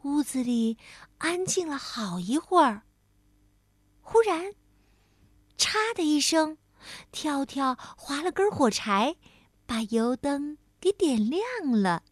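A woman telling a bedtime story to a child, gentle and unhurried, speaking to the listener directly. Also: sits high, very animated, no room sound.

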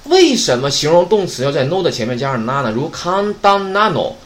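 Male language teacher, slightly high voice, very animated pitch, keeps asking "right?" while explaining grammar. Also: a little fast. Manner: asks rhetorical questions, frequent "对吧" checks.

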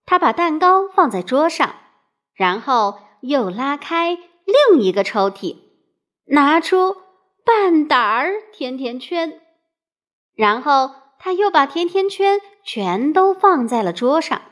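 A woman telling a children's storybook aloud, expressive and asking the listener playful questions. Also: high-pitched, takes it slowly.

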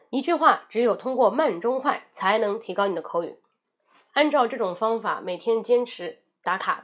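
A woman leads an English pronunciation lesson at a medium pitch. She drills a phrase word by word, slow and loud, then switches to quick, brisk explanation. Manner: reads drill words slowly and loudly, explains briskly.

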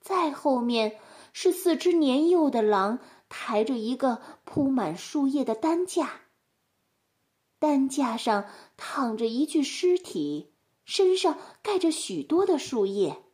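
A woman narrating a storybook with an expressive, animated delivery. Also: sits high, takes it slowly.

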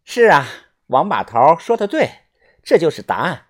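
A guarded young woman in a storybook reading, brisk and clipped, her pitch swinging widely from low to high, as the narrator puts her on. The voice is a little husky. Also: very animated, heavily acted. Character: Ah Chun, a tense young woman, sister-like protector. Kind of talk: audiobook character voice.

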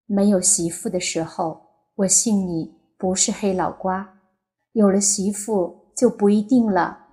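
A tender, sorrowful older mother, as a woman narrator puts her on in an audiobook. She speaks gently with a sad, teasing softness, in slow lines. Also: medium pitch, fairly even intonation, lightly acted. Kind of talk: audiobook character voice.

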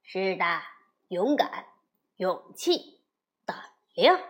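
A swaggering bully boy bear, as a woman puts him on, loud, mocking and full of taunts. His voice swings up and down as he jeers in a children's storybook. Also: medium pitch, very animated, drawn-out words, pitched below the performer's own voice. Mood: sneering.

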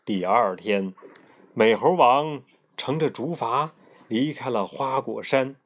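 A storyteller narrating a classic tale for children, gentle and expressive, trailing off softly at line ends. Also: mid-range voice, slow.

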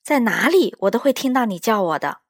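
A woman voicing a small, gentle, grateful butterfly in a children's story, speaking sweetly and earnestly. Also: fairly high pitch, expressive, fairly quick, no echo, studio quality.

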